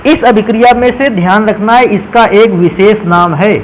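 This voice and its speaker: Speaking at a normal speed in a high-pitched voice, a man teaches chemistry to a class, addressing students as "beta." He asks questions and then supplies the answers himself, and the rough recording has a faint hiss or hum.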